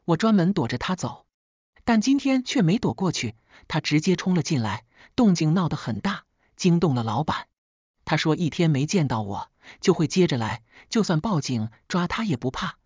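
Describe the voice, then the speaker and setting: A woman narrating a scripted first-person story in a steady, sharp-tongued way. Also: sits low, husky, dry recording, lo-fi sound.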